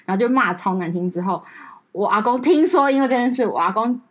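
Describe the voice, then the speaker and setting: Woman, podcast co-host, quick high-ish voice, animated storyteller. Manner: animated storytelling, laughing while quoting curses. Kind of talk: casual chat.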